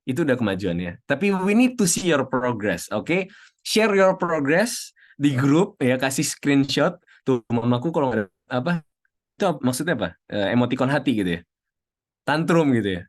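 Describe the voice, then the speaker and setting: A man's voice: mid-range voice, very animated, normal speed. A man giving a casual talk to a group on a video call, chatty, acting out little quotes and mixing in English phrases. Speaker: speaker at an online youth session.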